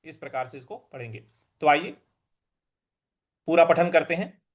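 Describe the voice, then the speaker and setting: A man teaching a recitation lesson, repeating each word slowly and drawing out syllables as he chants verses. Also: fairly high pitch, expressive. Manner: slow, careful, drawn-out syllables in chanted verse; repeats words for practice.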